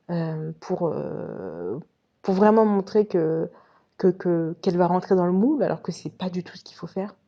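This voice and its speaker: A woman's voice: on the low side, mellow, dull audio. A woman casually telling a personal story to her viewers, chatty and direct. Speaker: vlogger recounting her past.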